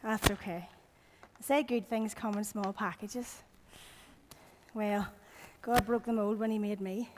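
A woman's voice: mid-range voice, fairly even intonation, takes it slowly, pauses often. A middle-aged woman with a Northern Irish accent, leading informal worship and prayer from a church lectern. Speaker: visiting church service leader. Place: indoor church hall at a lectern. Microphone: gooseneck lectern microphone. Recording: reverberant hall, faint noise and hum.

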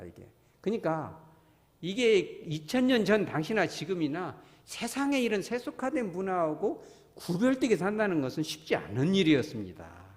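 A male pastor preaches with a lively, swinging pitch that sits a little high for a man. He talks to the congregation in a chatty way, acts out other people's voices and keeps asking them questions. The sound carries a long church-hall reverb. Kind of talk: sermon. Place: church sanctuary.

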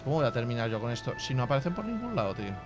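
A gaming YouTuber gives casual let's play commentary on a strategy game, his medium-pitched voice sing-song and racing over music. He's chatty, swears freely, and reads the game text aloud.

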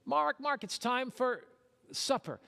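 A man's voice: very high-pitched, animated, slow pace, vocal fry, bright, forceful tone, pitched above the performer's own voice, heavily acted. A male preacher voicing his wife as she scolds him about his face. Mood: scolding. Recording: long hall reverb.

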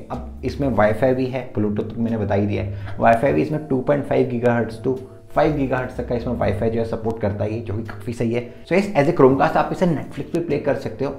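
A man giving a chatty, casual tech product review in a room lit by softbox lights, freely mixing Hindi and English, speaking into his own mic. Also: mid-range voice, a little fast, vocal fry. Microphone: his own mic set up. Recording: roomy echo.

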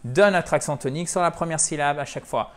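Teacher drilling English words. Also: male voice, on the high side. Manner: lively, claps to mark stress, drills English words slowly. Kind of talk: spoken language lesson to camera.

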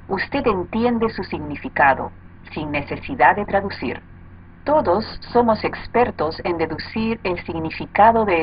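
Woman narrating a promo in lo-fi audio. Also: fairly low pitch. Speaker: voice-over narrator. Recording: dull lo-fi audio with faint noise.

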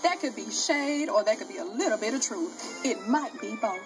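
A woman's voice: fairly high pitch, animated, normal speed. A woman speaking in a reality show confessional, with a flamboyant, theatrical manner, sometimes calling herself she. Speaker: reality TV cast member. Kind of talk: confessional TV interview. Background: music.

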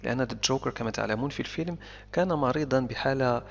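A man's voice: mid-range voice, fast, creaky, big-room sound, highs cut off, slight background noise. A man teaching English vocabulary, explaining each word in short, repeated steps. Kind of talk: explanatory language lesson.

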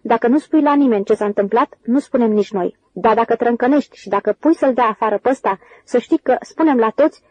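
A woman voicing a calm, commanding grown man working on a ranch, read in an audiobook. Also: fairly high pitch, hardly any pauses, dry recording, lightly acted, poor audio. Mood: steady.

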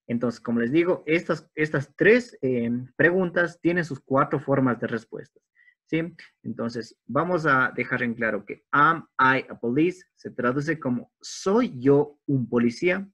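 A man teaching an online English class, explaining grammar step by step in a patient way and slowing down for the English examples. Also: mid-range voice, a bit bright, husky. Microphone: video call.

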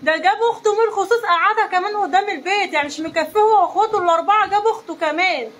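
A woman's voice: very high voice, rapid-fire, a bit bright, a little hiss or hum. A woman with a Cairo Egyptian accent giving an urgent complaining account in a street interview. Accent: Egyptian Arabic (Cairo).

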